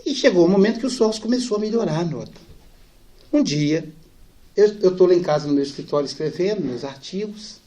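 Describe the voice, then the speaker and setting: A middle-aged man giving a storytelling lecture, acting out dialogue and dropping soft and slow for sad parts. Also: high voice, lively intonation, a little hiss or hum. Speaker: spiritist speaker.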